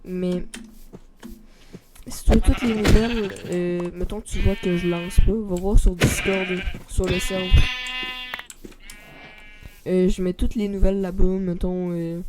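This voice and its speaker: A woman's voice: lowish voice, fairly even intonation, measured pace, very noisy. A woman with a Québécois accent streaming a video game, chatting informally and in a rambling way straight to a viewer. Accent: Québécois French. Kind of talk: casual live stream chat.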